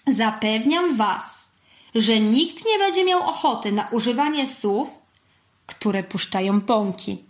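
Lady reading as sly old puppet wizard, slow and calm, bit higher, echoey room. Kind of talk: storybook reading.

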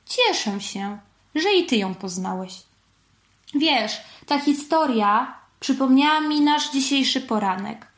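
A woman's voice: high voice, lively intonation, slow pace, roomy sound, pitched above the performer's own voice, heavily acted. A woman voicing a caring but firm mother in a storybook reading. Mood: warm.

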